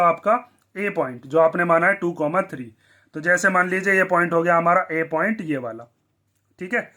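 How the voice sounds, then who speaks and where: High, bright-voiced male maths teacher. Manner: asks the class questions and answers them himself. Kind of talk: blackboard maths lesson.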